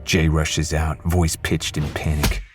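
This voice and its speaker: A man narrating a first-person audiobook with low, restrained menace. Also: little pitch movement, slow, faint music behind.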